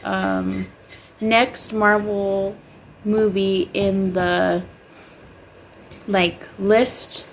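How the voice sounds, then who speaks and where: A woman's voice: medium pitch, little pitch movement, extremely slow, long pauses, a little hiss or hum. A young woman vlogging casually from her home kitchen into a handheld phone, giggling often between phrases. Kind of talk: casual vlog chat.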